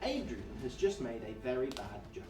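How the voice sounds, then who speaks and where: Male game master, mid-pitched, explanatory and halting narration, distant in an echoey room. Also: very animated. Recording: echoey room, off mic, faint music.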